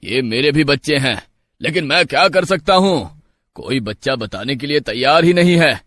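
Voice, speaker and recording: A narrator voicing a calm, fatherly middle-aged village headman in a cartoon story. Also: medium pitch, moderate pace, pitched below the performer's own voice, natural voice.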